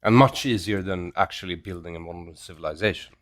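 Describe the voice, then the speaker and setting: A man's voice: low-pitched, fast talker, a bit bright, no echo. A man hosting a podcast interview, asking questions and dropping wry, dry quips. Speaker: podcast host.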